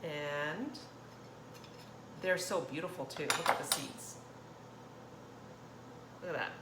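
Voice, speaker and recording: A Thai woman with a deep, slow voice hosts a casual cooking demonstration, rambling along and often cutting herself off. She's a cooking channel host working in an indoor kitchen. The recording has a roomy echo, with kitchen noise and the clatter of cutlery and dishes clearly audible.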